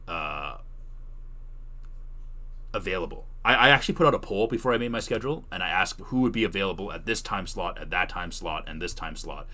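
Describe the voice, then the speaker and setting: A man's voice: sits low, bright, forceful tone. A man talking casually on a livestream, answering questions as he thinks aloud and rephrases. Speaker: streamer giving tutorial and answering chat questions.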